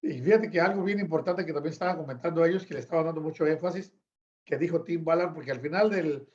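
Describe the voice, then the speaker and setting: A man's voice: fairly high pitch, quick pace, a little mellow, highs cut off. A man in a casual discussion, speaking earnestly and restarting his phrases. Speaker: guest.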